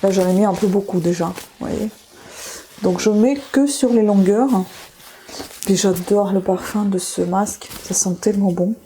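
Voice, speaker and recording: A woman's voice: medium pitch, moderate pace, slight background noise. A middle-aged woman chatting casually to the camera while she does her evening skincare in a bathroom at home. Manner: relaxed, chatty, talks while doing skincare. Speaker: beauty vlogger. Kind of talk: casual vlog chat.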